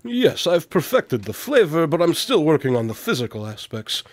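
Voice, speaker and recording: In a radio drama, an actor portrays an eccentric, condescending detective-inventor, and his diction is formal, precise and calmly pompous. The male voice sits on the high side and moves at a normal speed, with a smug, matter-of-fact mood.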